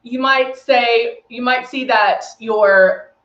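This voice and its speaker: A beauty brand presenter with a Texan accent runs a live makeup tutorial, chatting with viewers' comments as she works. Her fairly high voice is slightly bright and slow-paced, and the stream audio is dull, lo-fi, and echoey from the room.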